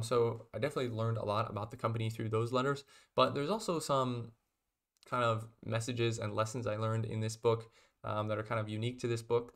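A young man in his twenties casually explaining investing lessons to his webcam from a small room, with steady delivery and frequent fillers like "um" and "kind of". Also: mid-range voice, creaky. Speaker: investing video host.

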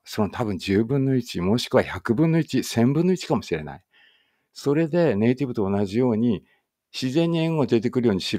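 Low gravelly man leading phrase drills. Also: dry recording, clean studio sound. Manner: reads each Japanese phrase, then its English version, slowly and deliberately; explains in a relaxed conversational tone. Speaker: English teacher. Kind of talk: read-aloud language drill with commentary.

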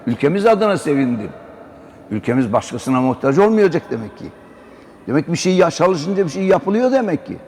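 A man's voice: fairly high pitch, very animated, brisk, darkish tone. Older man preaching in an echoing hall. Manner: exhortative, repeatedly addressing listeners as brother. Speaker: Islamic scholar giving a religious talk. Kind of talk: religious sermon-style talk. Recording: long hall reverb, faint background noise.

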